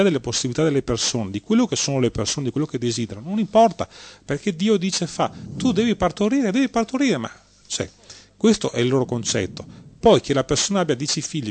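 A man's voice: mid-range voice, slightly rough, no room sound. A man, a studio guest on a radio show, arguing emphatically in long lists of repeated phrases. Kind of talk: discursive argument on a radio show.

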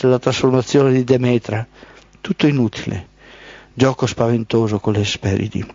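A man telling a poetic myth in a solemn, measured way. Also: medium pitch, a little mellow, dry recording. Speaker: narrator. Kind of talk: poetic mythic storytelling. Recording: dull, dry lo-fi.

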